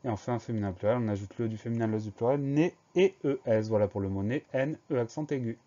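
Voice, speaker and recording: A man leads a dictation lesson for students and spells each word out slowly and deliberately. His voice is dark and mellow. The recording sounds somewhat dull and lo-fi. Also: medium pitch. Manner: slow, careful letter-by-letter spelling. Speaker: teacher.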